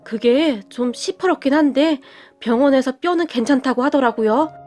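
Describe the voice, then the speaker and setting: A woman's voice: sits high, normal speed, a little mellow, soft background music, natural voice. A woman doing a blustering young husband. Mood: meek pleading. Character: blustering young husband, hotheaded then pleading.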